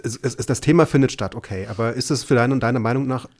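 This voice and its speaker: A man's voice: medium pitch, fast, a little mellow. A man hosting a casual interview, putting loosely phrased questions in an informal, conversational way. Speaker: interviewer, host.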